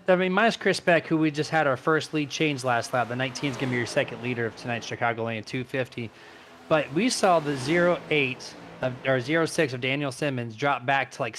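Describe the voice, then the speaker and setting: A man giving live color commentary on a simulated stock car race, analytical and steady as he breaks down positions and tire wear. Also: mid-range voice, a little hiss or hum.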